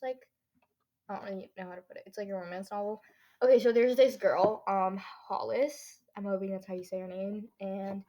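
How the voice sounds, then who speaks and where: A woman's voice: medium pitch, darkish tone. A teenage girl talking alone into her podcast mic in a loose, chatty way. She rambles, leans on fillers, and often loses her train of thought before picking it back up. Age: teens. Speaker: podcast host. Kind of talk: casual solo podcast chat.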